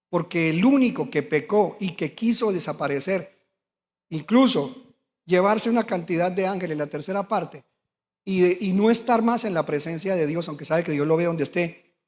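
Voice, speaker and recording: A pastor with a fairly high voice preaches a sermon, dramatizing stories and quoting people with building intensity. His voice rings with a long reverb, as if it fills a church hall. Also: unhurried. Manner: animated storytelling, acting out quoted voices with rising intensity.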